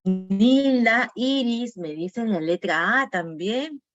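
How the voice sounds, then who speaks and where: A woman's voice: fairly high pitch, takes it slowly, lo-fi sound, faint music behind. A woman teaching an online class for teachers, going over quiz answers, naming students and repeating key words. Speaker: teacher training instructor.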